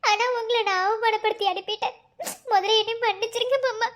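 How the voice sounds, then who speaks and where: A cartoon village girl in a Madurai Tamil accent, her voice pushed very high and thin. She pleads with her elders, tearful and begging, her words tumbling out with emotion. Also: steady tone, brisk, a bit bright. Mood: pleading. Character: young village woman begging to wed her love. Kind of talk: cartoon voice acting.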